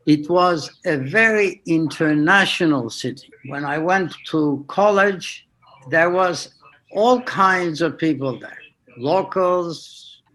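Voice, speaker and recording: An older man from Turkey whose first language is French, slowly recalling his early life in an interview, with halting restarts. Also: a little high, bright, forceful tone. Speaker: guest surgeon. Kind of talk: interview reminiscing.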